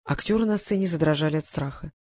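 A storyteller reading a fantasy audiobook at an even, steady pace. The voice sits mid-range and is recorded close and dry. Characters get their own voices in between. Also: mid-range voice, fast talker, no echo. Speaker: audiobook narrator. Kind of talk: scripted fantasy narration.

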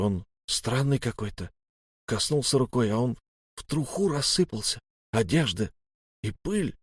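A man voicing a frightened young male sailor who speaks in anxious, hushed bursts. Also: mid-range voice, breathy edge, no room sound, studio quality.

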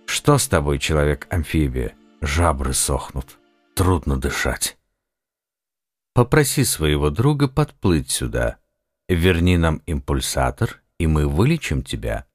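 A man narrating an audiobook who voices a calm, polite man from the far future, speaking in a measured way. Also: extremely low pitch, no room sound, studio quality, soft background music.

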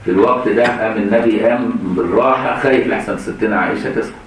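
A man's voice: lowish voice, rapid-fire, a little hiss or hum. Egyptian man explaining hadith in an echoey room. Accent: Egyptian Arabic. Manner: colloquial explaining with rhetorical questions and laughter. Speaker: religious teacher. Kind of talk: hadith commentary lesson.

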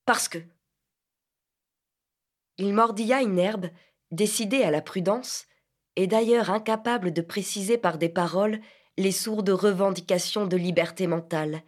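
A woman narrating a literary novel as an audiobook reader, measured and softly expressive. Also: mid-range voice.

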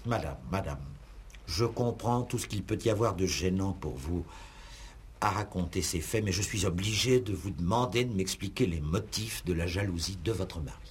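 This male actor, with a low, slightly rough voice at a moderate pace, sounds triumphant and sharp. He plays a 1960s French radio police play's examining magistrate, insistent and exasperated, delivering pressing sarcasm with formal theatricality.

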